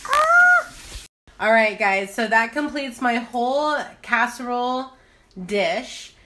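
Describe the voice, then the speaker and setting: A woman's voice: a little high, takes it slowly, very noisy. A tipsy woman giving a loose, rambling cooking vlog, thinking aloud in a casual way. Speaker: home cook hosting a cooking video. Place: home kitchen.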